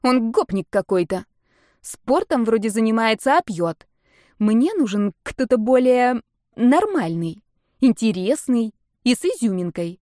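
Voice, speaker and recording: A woman's voice: fairly high pitch, very animated, unhurried, dark tone, no room sound. A choosy young woman in a spoken story, fussy and scornful, as a woman narrator puts her on. The voice rises a little above the narration. The recording is dry and close. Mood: indignant.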